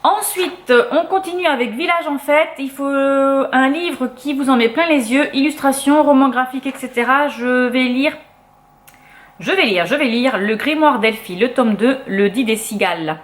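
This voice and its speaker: A chatty young woman with a fairly high voice talks through her reading list in French. She fills her speech with fillers, trails off and restarts, in a casual, homey way. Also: moderate pace. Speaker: book vlogger. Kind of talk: casual chat.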